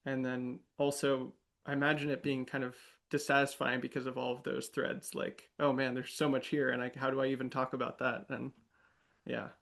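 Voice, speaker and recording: A man from the United States hosting a podcast interview, gentle and affirming, often murmuring agreement as he listens. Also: mid-range voice, little pitch movement, normal speed, vocal fry. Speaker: podcast host. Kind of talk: interview conversation.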